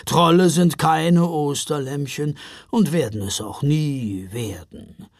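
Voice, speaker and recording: A calm, kindly old Father Frost speaking slowly and warmly, as a woman reading a storybook puts him on. The voice sits low and unhurried, with a husky touch. It is close and dry. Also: no room sound, full character voice. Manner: slow, friendly.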